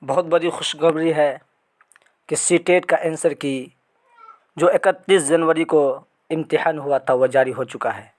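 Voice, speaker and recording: Higher-voiced man hosting an exam update. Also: unhurried. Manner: repetitive, restarting phrases. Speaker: channel host. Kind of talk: casual screen-walkthrough update.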